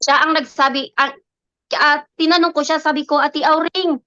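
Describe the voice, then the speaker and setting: A woman's voice: sits high, steady tone, moderate pace, sharp tone, no echo. A woman in her thirties giving an earnest personal faith testimony, switching between Tagalog and English as she tells her story. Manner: earnest, mixes Tagalog and English, acts out quoted dialogue. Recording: slightly dull lo-fi, dry sound.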